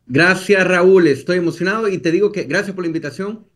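Telling his own story on a podcast, this Salvadoran-accented guest talks fairly quickly in a high-pitched voice. He keeps it conversational, circling back over phrases and adding tag questions.

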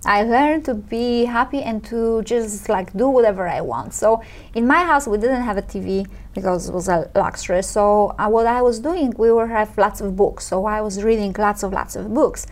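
A woman with a Polish accent talks as a guest in a casual interview. She laughs often between her sentences and hesitates with many fillers, searching for her words. Her voice sits in a middle pitch. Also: moderate pace. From Poland. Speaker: guest entrepreneur.

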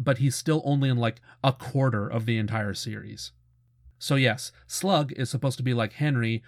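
A man's voice: mid-range voice, dry recording, studio quality. A middle-aged man hosting a show with casual, informative commentary and a fan's conversational enthusiasm. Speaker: host of a cartoon retrospective show. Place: close, dry voice-over recording.

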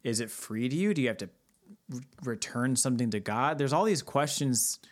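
A man's voice: mid-range voice, lively intonation, a little fast. A man co-hosting a podcast in casual chat, joking and swearing, laughing often. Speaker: podcast co-host.

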